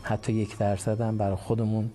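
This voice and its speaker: A man's voice: lowish voice, flat delivery, mellow. A man from Iranian Azerbaijan, a comedy actor who is a guest on the show, earnestly explaining his side at length. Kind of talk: explanatory interview answers.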